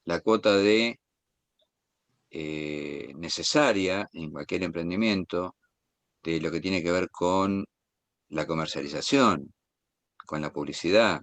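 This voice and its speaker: A man with an Argentine accent, a guest speaking with passion and rushing to say many things at once. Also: low voice, fairly bright tone, dry recording. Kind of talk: impassioned talk.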